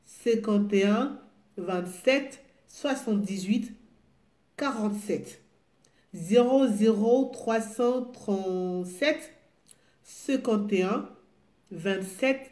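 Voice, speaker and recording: Somewhat high and a little mellow, this woman's voice comes from a live call-in show she's hosting despite having a cold. Her casual chatter is full of fillers, hesitations and repetition, with music playing in an echoey room.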